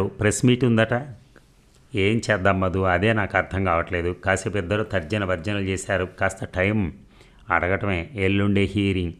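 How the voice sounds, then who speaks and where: A man's voice: lowish voice, a bit bright. A man reading a novel aloud, narrating and voicing every part with small shifts in his voice and a few slips and restarts. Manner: reads dialogue with light voice changes, some slips and restarts. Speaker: novel reader. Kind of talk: audiobook narration of a novel, voicing all parts.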